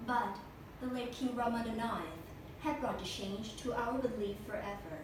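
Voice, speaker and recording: A young woman recites a memorized speech for a competition, stiff and deliberate. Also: fairly high pitch. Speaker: speech contestant. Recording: echo-heavy room, distant mic, noisy.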